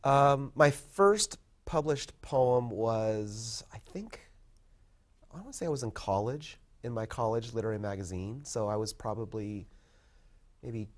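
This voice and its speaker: A man in his fifties, a poet and professor, talking in a casual interview, thoughtful and modest, pausing often with ums and restarts. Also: lowish voice. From born in Korea, raised in California. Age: 50s. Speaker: poet and college professor, guest.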